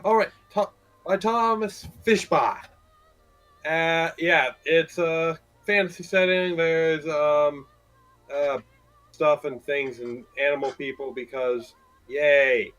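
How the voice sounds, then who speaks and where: A man's voice: a little high, little pitch movement, slow, fairly bright tone, faint music behind, rough recording. A man running a tabletop game as game master, recapping in a casual, rambling way with many fillers.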